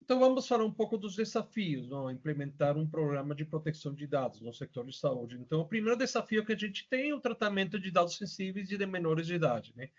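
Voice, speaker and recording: Presenting a webinar by video call, a man with a Venezuelan accent talks in a quick, sing-song, slightly high voice with few pauses. He's casual, leaning on fillers and tag questions, and the call audio sounds muffled, dull and lo-fi.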